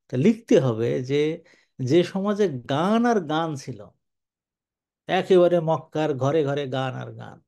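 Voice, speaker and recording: With a creaky, rather high voice, an older man preaches on the Quran in a lively, everyday manner. He shifts back and forth between unhurried Arabic recitation and fast talk.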